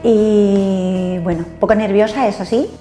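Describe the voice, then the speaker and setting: An older woman from Spain tells her faith story in a mellow, warm voice, pausing often and checking in with little tag questions. The room is echoey, with soft music underneath. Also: mid-range voice, steady tone. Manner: hesitant, many fillers and tag questions. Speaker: interview guest. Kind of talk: personal faith testimony.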